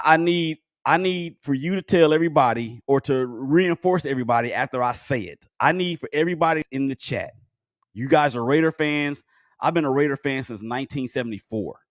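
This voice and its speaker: A middle-pitched man in his fifties talks animatedly on a sports podcast and laughs often. His voice reaches the mic from a video call. The sound is dry and close, with no room around it. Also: a bit bright, no room sound. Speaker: podcast co-host. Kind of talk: casual sports podcast chat.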